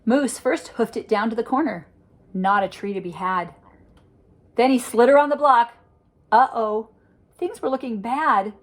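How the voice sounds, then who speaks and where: An older woman with a slightly high voice reads a rhyming picture book to children at a measured pace, pausing often. Her tone is lively and sing-song, with chatty asides about the illustrations.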